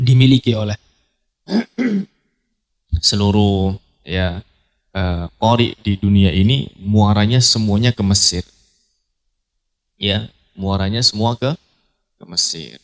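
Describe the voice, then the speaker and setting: A man teaching Quran recitation to a class, talking in a relaxed, repetitive way and often clearing his throat. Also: on the low side. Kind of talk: live tajwid lesson to students. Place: study hall at a training event.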